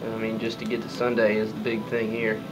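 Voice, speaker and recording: A young man in his twenties, a college pitcher, answering postgame questions in a relaxed, modest way with lots of fillers. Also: a little fast, very noisy. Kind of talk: postgame press conference. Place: press room before a sponsor backdrop.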